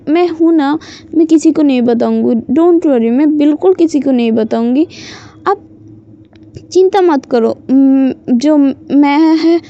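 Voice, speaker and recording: A woman's voice: high-pitched, warm tone, lo-fi sound. A woman voicing a kindly older male assistant who soothes and reassures a young woman, in a storybook reading. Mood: fretful. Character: kindly older male family assistant, protective uncle figure.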